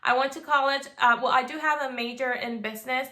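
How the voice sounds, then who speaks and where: A woman's voice: high-pitched, fairly even intonation, brisk, bright, forceful tone. A woman in her twenties from Venezuela, chatting casually to camera as a vlogger, bubbly with playful asides. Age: 20s.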